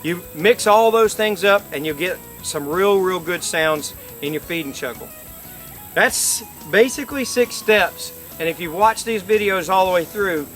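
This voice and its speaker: A man's voice: on the high side, fairly bright tone. A middle-aged man giving an informal, folksy instructional demonstration, explaining step by step. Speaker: duck-calling instructor. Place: outdoors by a lake.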